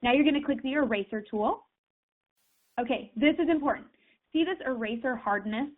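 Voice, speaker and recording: Her voice sits high at a moderate pace, a bit raised, as she casually walks viewers through a screen-share tutorial with plenty of fillers. A cold makes her sniffle occasionally, and the thin, tinny sound resembles a phone call.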